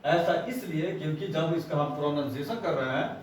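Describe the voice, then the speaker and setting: A male teacher giving a grammar lesson, slowly spelling out words and repeating them, mixing in English phrases. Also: on the high side, slight background noise. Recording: echoey room, voice far from mic.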